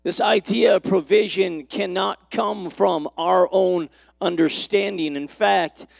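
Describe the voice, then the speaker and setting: A man's voice: high voice, slow, creaky, no room sound, clean studio sound. A male pastor preaching a sermon to his congregation, with rising and falling emphasis and questions to the room. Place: church.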